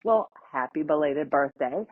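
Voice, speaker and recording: A woman in her fifties hosting an interview, reacting with sympathy and asking quick follow-up questions. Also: deep voice, expressive, no room sound. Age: 50s. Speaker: host. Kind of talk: conversational interview. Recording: dry, dull lo-fi audio.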